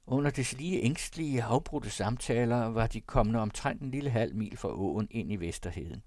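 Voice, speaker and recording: A man narrating classic prose as an audiobook in a measured storytelling manner. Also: mid-range voice, lively intonation, a little mellow, no room sound, clean studio sound.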